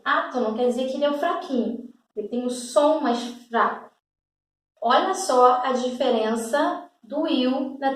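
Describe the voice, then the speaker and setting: A woman teacher, explaining a school lesson patiently and checking in often with the class. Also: sits high. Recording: echoey room, voice far from mic.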